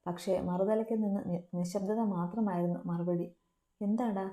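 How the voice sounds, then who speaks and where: Woman reading a love story out, very mellow dark voice, roomy echo. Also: on the low side, steady tone, brisk. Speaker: story narrator. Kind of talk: scripted narration of a romance story.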